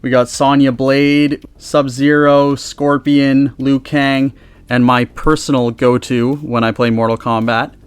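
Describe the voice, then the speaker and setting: A video host and reviewer runs a countdown review, speaking close to a USB microphone in a casual, chatty, enthusiastic way. His mid-range voice keeps a level tone and a clean sound. He speaks slowly.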